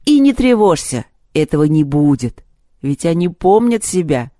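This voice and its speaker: A woman's voice: deep voice, big pitch swings, normal speed, dark tone, no room sound, studio quality. A woman reading aloud, voicing a male friend who brushes off worries in a raised, easy tone. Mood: reassuring. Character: calm reassuring male friend.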